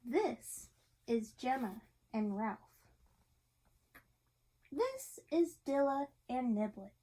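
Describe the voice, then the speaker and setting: A woman reads a picture book aloud to a child interactively, encouraging them and asking questions. Her mellow voice is a little high and very animated, and she reads extremely slowly.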